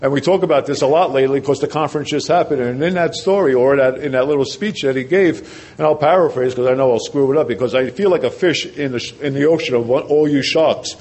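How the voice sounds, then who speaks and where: An older man from New Jersey shares his own recovery story with a packed convention hall, talking fast at an ordinary middle pitch. It's personal testimony, conversational and self-deprecating, and he sinks his voice low and quiet whenever a point matters.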